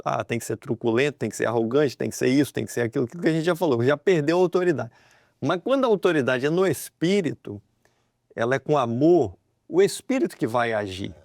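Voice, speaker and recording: A Brazilian Portuguese-speaking man on a religious family program who speaks in a measured, hesitant way and often agrees with his co-host. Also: medium pitch, a little mellow, dry recording, clean studio sound. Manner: measured, hesitant, with many affirmations.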